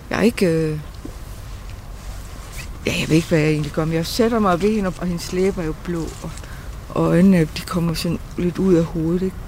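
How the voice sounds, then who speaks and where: A man recounting a painful memory in a halting way, often repeating words and restarting sentences. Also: fairly high pitch, gravelly, a little mellow, a little hiss or hum. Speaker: interviewee. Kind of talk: personal testimony.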